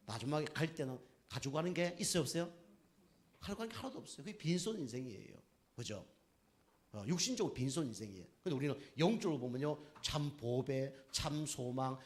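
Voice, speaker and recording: A middle-aged male pastor delivers a sermon in a lively, conversational way and keeps turning to the congregation with short questions. His voice sits a little high for a man and swings widely in pitch as he makes his points. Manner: lively preaching, constantly asking the congregation "right?".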